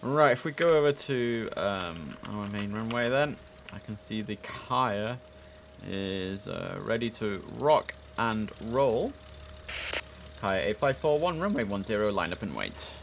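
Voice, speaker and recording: A male streamer plays an air traffic control simulator, giving casual live commentary as he handles tower control and thinks out loud. His lowish voice is expressive, creaky, and a little slow. Noticeable vehicle ambience runs underneath, with slight background noise.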